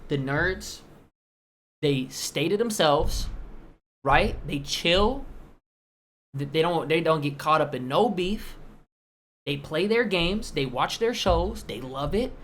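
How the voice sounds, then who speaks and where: A man's voice: a little high, slight background noise. A man co-hosting a casual podcast chat, ranting and joking with lots of swearing. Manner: animated, profane, joking rants. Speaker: podcast co-host.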